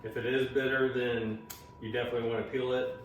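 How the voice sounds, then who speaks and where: A man's voice: mid-range voice, flat delivery, quick pace. A man, a father, giving a chatty, explanatory home cooking demonstration with some teasing. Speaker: home cook and channel host, a father. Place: home kitchen. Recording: echoey room, mic far off, faint noise.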